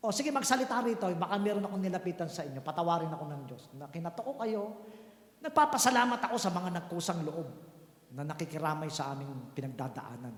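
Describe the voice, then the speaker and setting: A man's voice: a little high, expressive, fast talker. A man in his fifties preaching a sermon as pastor, talking conversationally and putting rhetorical questions to his congregation. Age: 50s. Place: church hall. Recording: echoey church hall.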